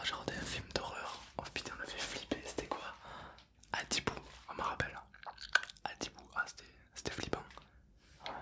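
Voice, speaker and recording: Recorded in an indoor studio, a young man in his 20s whispers as a mock-menacing zombie, calm, chatty and self-deprecating, in a breathy ASMR style. Stereo microphones sit close on each side of his head, and his natural voice stays slow, hushed, rambling and playful.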